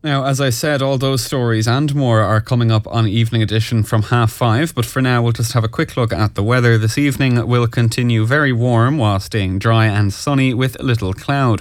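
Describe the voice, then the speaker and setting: A man's voice: medium pitch, fairly even intonation, normal speed, few pauses, dry recording, studio quality. An Irish man reading scripted radio news headlines and weather as a presenter.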